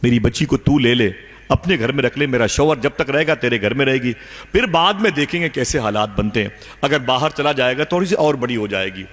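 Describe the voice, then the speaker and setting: A man's voice: mid-range voice, animated, fairly bright tone, voice pushed up, lightly acted. A man voicing a grieving young mother who pleads tearfully in a sermon story. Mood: pleading.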